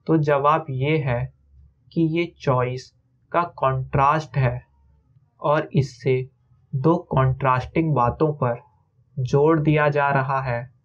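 Guy reading a self-help audiobook really slowly, short chunks with pauses, kinda dull muffled recording. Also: on the high side. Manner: measured, slow delivery in short phrases with frequent pauses; conversational, mixing in English words and asking the listener direct questions. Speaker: audiobook narrator. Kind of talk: explanatory audiobook narration.

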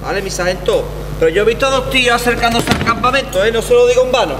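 A teasing, cheeky soldier, acted by a man in a stage comedy. He is pitched very high. The sound is echoey and heavily noisy. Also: quick pace. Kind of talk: comic stage sketch. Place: theatre stage, far camera. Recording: echoey theatre hall, very loud noise.

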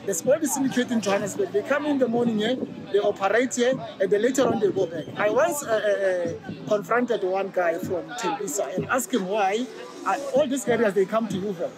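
A man's voice: high voice, fairly quick. A South African man from a community policing forum, speaking earnestly in a street interview outdoors, hesitating and repeating words, through a face mask. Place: outdoors on a busy city street. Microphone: camera mic, subject wearing a face mask. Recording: busy crowd noise behind.

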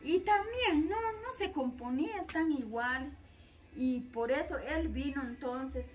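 A young woman telling a personal story in a halting, repetitive way. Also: high-pitched. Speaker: interviewee, mother. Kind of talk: personal testimony.

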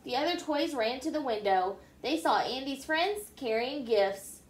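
A woman reads a children's storybook aloud with expressive, animated delivery. Her voice is high, and the room around her echoes. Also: a little slow. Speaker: storybook reader. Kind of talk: reading a children's book aloud.

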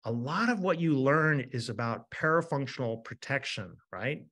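A man in his fifties, a dentist lecturing in an energetic webinar and often asking the audience a rhetorical "right?". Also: mid-range voice, normal speed.

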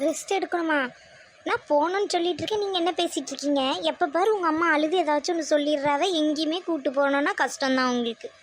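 A woman voicing an impatient young daughter-in-law in a family cartoon, sharp and argumentative. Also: high voice, fast, slight background noise, close to an everyday voice. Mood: arguing.

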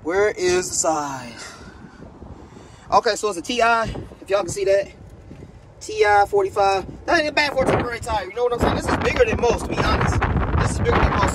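This high-pitched male car vlogger gives a casual walkaround of a parked car outside, holding his phone and addressing viewers directly. His talk is loose, slangy, and full of profanity, with outdoor wind audible on the mic.

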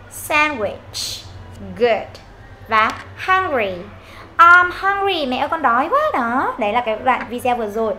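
A woman's voice: high voice, bright, forceful tone, slight background noise. A woman teaching English pronunciation to Vietnamese speakers, modelling each word with exaggerated rising and falling intonation. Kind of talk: online English pronunciation lesson.

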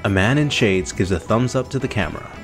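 Low, measured male audio describer. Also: animated. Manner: plain, measured, matter-of-fact. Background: music.

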